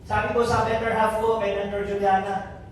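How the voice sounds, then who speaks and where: High-voiced joking man in echoey hall. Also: little pitch movement, normal speed, distant mic, a little hiss or hum. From Albay, Philippines. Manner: joking, teasing, keeps quizzing the crowd. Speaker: business mentor and motivational speaker. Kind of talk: motivational speech to a live audience. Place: event venue hall, indoors. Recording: very echoey event hall, picked up from afar.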